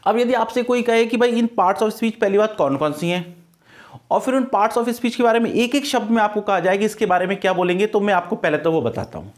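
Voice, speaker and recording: A man's voice: high voice, fairly quick. A man teaching English grammar for exam prep, mixing Hindi and English, with an Indian accent. He asks his class questions and answers them himself, and he drills pronunciation.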